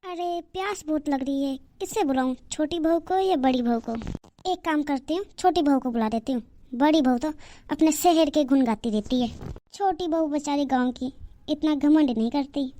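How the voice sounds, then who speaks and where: A woman voicing a doting old village mother-in-law in a cartoon moral story, speaking slowly in a thin voice. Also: high voice, dark tone, lightly acted. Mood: fond.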